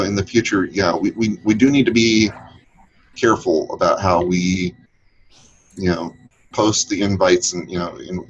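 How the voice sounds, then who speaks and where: A man's voice: deep voice, dull audio, slight background noise. A man speaking in a casual online meeting, hesitant, with many restarts and fillers. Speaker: group member. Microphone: video call.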